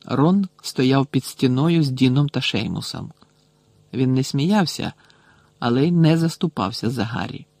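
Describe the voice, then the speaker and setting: A man reading a novel aloud as an audiobook narrator in a steady, expressive way. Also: mid-range voice, a little slow, no echo.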